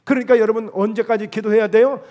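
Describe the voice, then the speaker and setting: A middle-aged male pastor delivers a lively sermon in a notably high voice. He fires rhetorical questions at the congregation and moves between loud, pressing outbursts and quiet, intimate asides. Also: fast. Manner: animated preaching, rhetorical questions, swings between loud and hushed.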